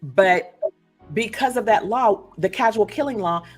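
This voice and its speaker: A woman's voice: mid-range voice, a little slow, husky, faint music behind. A woman hosting a talk show and discussing as an author, in an emphatic, storytelling way with frequent asides. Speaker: podcast host and author. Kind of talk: casual discussion.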